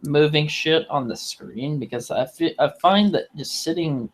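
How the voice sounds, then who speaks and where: Man, fairly high voice, casual livestream chat, rambling, very sweary. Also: measured pace. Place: online voice call livestream.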